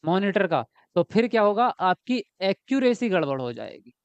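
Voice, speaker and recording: A man's voice: high voice, sing-song, normal speed, clear, resonant tone, no echo, highs cut off. A man teaching an online exam-prep class, explaining step by step, asking questions and answering them himself, and reading out viewer comments. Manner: reads viewer comments aloud and talks to them. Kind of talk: live online class lecture.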